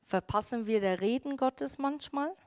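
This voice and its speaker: A woman's voice: sits high, normal speed, darkish tone, dry recording. A woman pastor giving a sermon, telling stories and acting out the dialogue in them. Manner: storytelling, acts out quoted dialogue.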